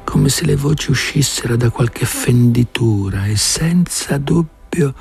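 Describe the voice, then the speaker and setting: A weary old village woman tells of voices and ghosts in a slow, hushed, confiding way, as a man reads her part. The voice is gravelly and very husky, fairly low, from a storybook reading. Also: heavily acted. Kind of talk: audiobook reading.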